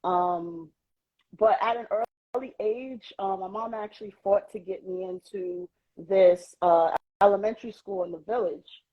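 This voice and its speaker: A little slow and medium in pitch, this woman hails from Queens, New York City. She reflects casually as a podcast guest with frequent "um" and "you know" fillers. The sound is lo-fi livestream audio recorded by a phone on a live social video stream.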